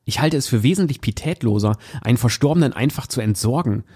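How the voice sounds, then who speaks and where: A man's voice: mid-range voice, expressive, fast, a little mellow, breathy edge. A man reading aloud the lines of an upset young woman who pleads and insists with her fiancé. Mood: pleading.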